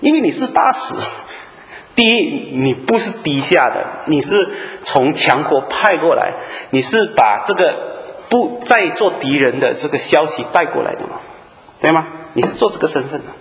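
A man preaching a sermon, telling a story and acting out bits of dialogue, with many drawn-out "ah" fillers and little questions to the listeners. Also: fairly high pitch, creaky, a little hiss or hum. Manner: animated storytelling, acts out dialogue, frequent "啊" fillers and tag questions. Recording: long hall reverb.

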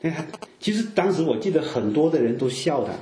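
A man's voice: a little high, lively intonation, quick pace, dark tone, reverberant, a little hiss or hum. A man from southern China with a southern accent, preaching a sermon in a loose, conversational way full of fillers and asides. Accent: southern Chinese.

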